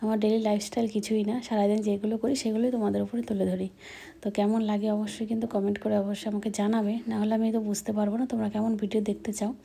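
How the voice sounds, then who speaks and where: A young woman chatting casually in a home vlog, her voice dark, low and gravelly, often dropping to a hushed near-whisper. Her pitch stays flat, and a faint hiss of noise sits behind her. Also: quick pace. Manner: speaks softly, often whispering; baby talk to her infant. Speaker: vlogger.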